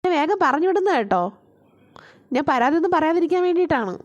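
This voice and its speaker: A woman voicing a quick-talking cartoon mother. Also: high voice, sing-song, muffled recording. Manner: quick-talking, scolding her son. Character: mother dropping her son off, woman. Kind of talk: cartoon voice acting.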